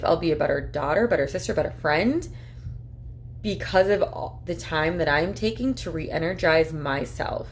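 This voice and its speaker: A woman's voice: fairly low pitch, a little hiss or hum. A woman vlogging in a heartfelt, casual way, rambling earnestly with lots of filler words. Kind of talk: casual heartfelt talk to camera.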